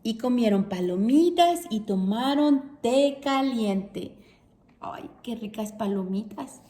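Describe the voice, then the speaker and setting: A woman teacher reading a picture book aloud to children, animated and asking them questions along the way. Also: fairly high pitch, slow. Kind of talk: storybook read-aloud for children.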